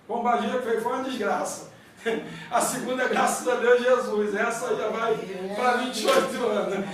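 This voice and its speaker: A middle-aged man with a Brazilian accent, a pastor preaching a loud, fervent evangelical sermon full of folksy stories. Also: very high voice, fairly even intonation, moderate pace, a little hiss or hum. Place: church hall. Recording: echoey church hall, mic far off.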